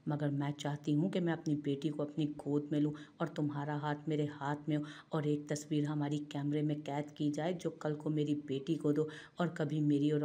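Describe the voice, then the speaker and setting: A woman voicing a dying young wife who speaks softly and haltingly, pleading with her husband. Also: low voice. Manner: soft, halting, breathless pleading.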